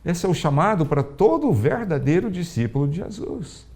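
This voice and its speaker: A man preaching a sermon as a pastor, telling a story with animated, acted-out dialogue. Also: moderate pace. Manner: animated storytelling, acting out dialogue with big pitch swings.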